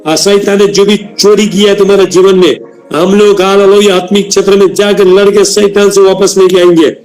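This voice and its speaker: A man preaching a fiery prayer sermon as a prophet, shouting hallelujah and slowly chanting in tongues between passages. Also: high voice, little pitch movement, soft background music, low-quality recording. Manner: stops to scold people to turn off a mic.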